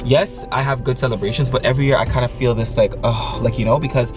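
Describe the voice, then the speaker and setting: A man's voice: mid-range voice, fairly even intonation, quick pace. A young adult man vlogging in a candid casual chat, earnest, reassuring and slangy. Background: music.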